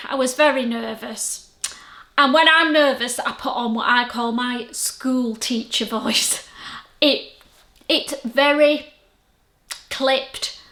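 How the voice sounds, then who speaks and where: A middle-aged sewing vlogger from Lancashire, England, chats to camera at home in a friendly, rambling, self-deprecating way. Her voice is slightly high and a bit bright, recorded on a camera-mounted mic in an echoey room.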